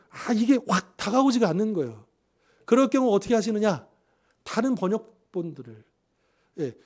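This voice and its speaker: A man's voice: high voice, warm tone. A male pastor giving a sermon in a conversational way, asking the congregation rhetorical questions.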